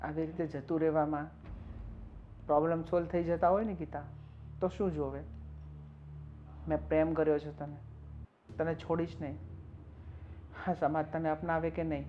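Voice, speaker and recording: A young man's voice, slightly high but close to ordinary, plays a husband in a Gujarati short film who earnestly defends his marriage to an older woman. He pleads and then breaks into defiant outbursts, all captured in dull lo-fi audio with faint noise.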